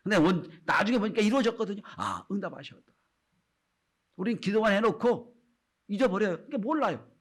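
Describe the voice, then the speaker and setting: A man preaching a sermon to his congregation as pastor, often turning to address them, his delivery swinging between loud calls and hushed whispers. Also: sits high, lively intonation, fairly quick, long pauses.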